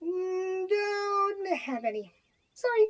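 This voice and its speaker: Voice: very high-pitched, expressive, takes it slowly, fairly bright tone, a little hiss or hum, exaggerated voice. An actor voicing an eager little robot sidekick in an audio drama, with chirpy, agreeing replies.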